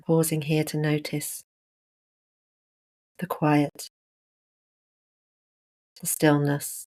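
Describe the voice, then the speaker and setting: An instructor guides a breathing meditation at a medium pitch, speaking calmly in short, unhurried phrases.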